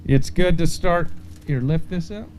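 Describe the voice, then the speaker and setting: A man with a fairly high voice works as the host of a live lakeside weigh-in. He announces heartily, stretching out names and numbers, then slips into casual interview chat. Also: measured pace, darkish tone, slight background noise. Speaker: host of a fishing tournament weigh-in.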